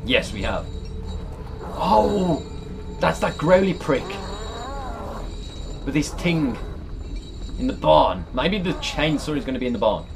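A British man, roughly in his thirties, takes it slowly and pauses often while giving sweary, exasperated let's-play reactions to a horror game. His fairly high voice makes big pitch swings, and background noise and game ambience are clearly heard.

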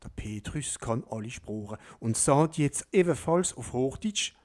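Slow-reading male storyteller. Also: mid-range voice, lively intonation, a little mellow. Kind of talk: reading a dialect story aloud.

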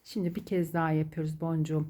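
A woman's voice: deep voice, little pitch movement, fast, mellow. A woman talking to her pet at home, cooing pet names in baby talk and chatting about its habits. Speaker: pet owner.

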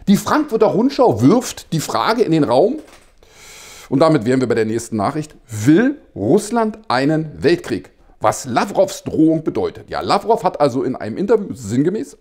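A male satire host with a voice that sits a bit high for a man. His delivery is very animated, with big swings in pitch. He talks in an ironic, mock-innocent tone and keeps dropping in chuckles between remarks. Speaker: satirical news show host. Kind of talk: satirical news commentary.

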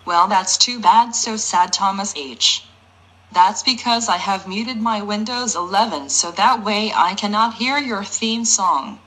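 A text-to-speech woman voicing a defiant computer user who mocks the error entity. Her voice is bright and middle-pitched, with a flat, mocking tone. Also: unhurried, a little hiss or hum, lightly acted, rough recording.

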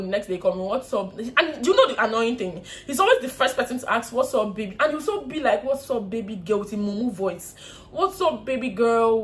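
A young woman with a Nigerian English accent telling a storytime vlog casually, animated and often laughing while mimicking others. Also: mid-range voice. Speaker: vlogger.

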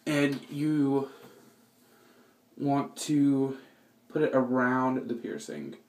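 A man's voice: medium pitch, steady tone, drawn-out words, vocal fry, darkish tone. A man giving an informal, self-deprecating how-to in a casual vlog style, with bathroom echo on his voice. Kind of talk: casual chatty tutorial. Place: indoors in a small bathroom. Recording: echoey bathroom reverb.

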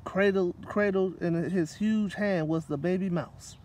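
Heard through a distant microphone with some light outdoor noise, a middle-aged guest reader reads a children's picture book aloud at a park table. He has a high, a little mellow voice, and his tone stays steady at a slightly slow pace.

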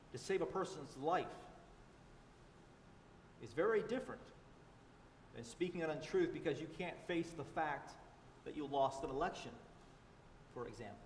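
A man's voice: fairly high pitch, distant mic, slight background noise. A man preaching a sermon as pastor, earnest and emphatic, repeating key phrases. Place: large church sanctuary. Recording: echoey church livestream from afar.

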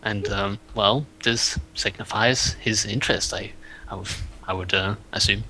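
A man's voice: fairly low pitch, steady tone, a little slow, pushed and bright, a little hiss or hum, rough recording. A man running a tabletop game as game master, describing scenes hesitantly with many fillers and restarts. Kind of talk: narrating a tabletop game over a stream.

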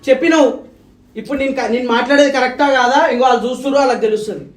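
Fast, angry young man with a Telangana accent. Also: extremely high pitch, music in the background. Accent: Telangana Telugu. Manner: angry, accusing, rapid-fire. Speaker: vlogger. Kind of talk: heated couple argument. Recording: roomy echo.

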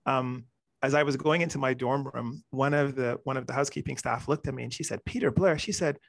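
Gravelly-voiced man from the Bahamas. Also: medium pitch, dry recording. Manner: thoughtful, quick, animated when telling a story. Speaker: panelist, economist. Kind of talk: academic panel discussion. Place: home office on a video call. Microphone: large condenser mic on a stand.

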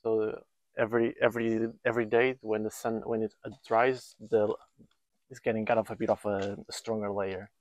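A man's voice: on the low side, level tone, moderate pace. A man in his thirties, a volunteer builder, being interviewed outdoors on a countryside building site, speaking in a hesitant way and often restarting his sentences while he looks for words. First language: Portuguese. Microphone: lapel mic.

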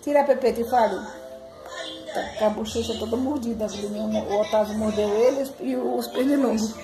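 A woman's voice: a little high, moderate pace, reverberant, music in the background. A woman from Pernambuco with the local accent, a mother chatting playfully with her babies and her vlog viewers in coaxing baby talk. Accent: Pernambuco Brazilian Portuguese. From Pernambuco, Brazil. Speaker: mother and family vlogger. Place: family home indoors.

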